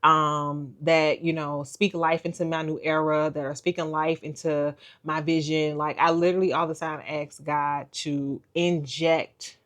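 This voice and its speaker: A woman vlogging casually to her viewers, chatty and expressive, with a faith-filled, folksy way of talking. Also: unhurried, hardly any pauses. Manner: chatty, expressive, acts out quoted voices with big pitch jumps. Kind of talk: casual talk to camera.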